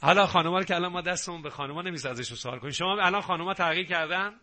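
A middle-aged man preaching a sermon on family life, animated, acting out quarrels between spouses. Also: high voice. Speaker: preacher giving a nightly family talk.

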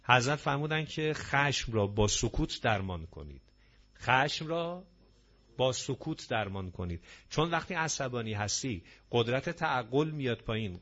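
A preacher's expressive, mid-range voice with a touch of brightness fills a gathering hall as he gives an emphatic religious sermon full of rhetorical questions. The recording quality is dull and lo-fi.

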